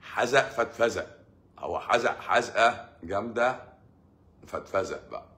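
A man's voice: lowish voice, animated, unhurried, a bit bright. A man with an Egyptian accent, a doctor hosting a casual live Q&A, sarcastic and joking as he acts out what his patients say. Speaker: doctor hosting a live stream answering comments.

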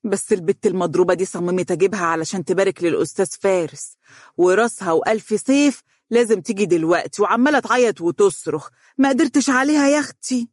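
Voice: mid-range voice, quick pace, no echo, studio quality, pitched above the performer's own voice, natural voice. A narrator voicing a shy, apologetic middle-aged neighbor woman with an Egyptian accent.

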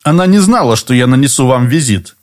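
A man reading an audiobook, voicing a calm, persistent lawyer who speaks evenly and deliberately. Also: medium pitch, lightly acted. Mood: calm, insistent. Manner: even, deliberate and insistent.

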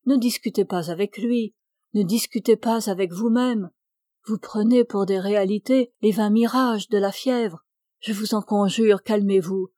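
Woman reads older priest, earnest and urging, slow, warm, dry. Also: mid-range voice, no room sound, lightly acted. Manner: earnest, exhorting. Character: stern elderly male priest comforting. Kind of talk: audiobook reading.

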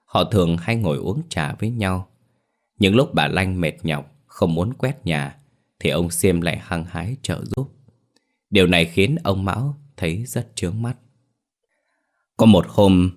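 A man with a very low, deep voice tells a ghost story. His reading is steady and measured, and he acts out the characters' lines. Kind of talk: scripted horror story narration.

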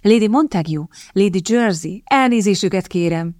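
A woman's voice: mid-range voice, animated, darkish tone, dry recording, studio quality, lightly acted. A woman voicing a gossiping aristocratic older countess who speaks confidentially and sweetly meddles, in an audiobook. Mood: confiding. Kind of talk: audiobook character voice.

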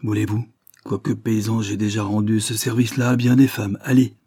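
A man reading aloud voices a blunt, lovesick peasant farmer who rolls his R and blurts his words out in rushes. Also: on the low side, level tone, warm tone, slightly rough, no room sound, studio quality. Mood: agitated.

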